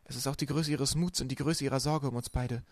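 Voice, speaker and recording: A man reading an audiobook aloud and voicing a clever, practical teenage girl with a lifted, brisk, encouraging voice. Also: mid-range voice, steady tone, no echo, lightly acted. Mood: earnest.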